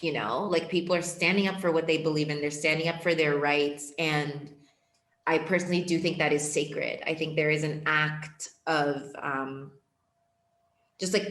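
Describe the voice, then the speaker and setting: In an echoey room, a young woman with a low-pitched voice talks casually yet earnestly as a podcast interview guest. She's an empowerment coach in young adulthood, born in Portugal and raised in Ethiopia, and her speech is full of reflective fillers.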